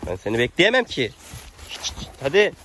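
A man's voice: medium pitch, wildly swooping pitch, moderate pace, bright, forceful tone, slight background noise. A man talking affectionately to his horses outdoors and addressing viewers, coaxing and calling to them with repeated words. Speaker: rural vlogger caring for his horses. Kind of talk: casual vlog talk to animals and viewers. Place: outdoors in the countryside near animals.

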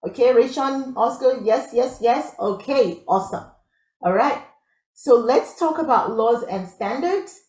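A woman from Nigeria teaching a live online workshop on IT audits, talking fast and upbeat and often checking in with her audience. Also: on the high side, lively intonation, darkish tone, echoey room. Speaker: IT audit instructor.

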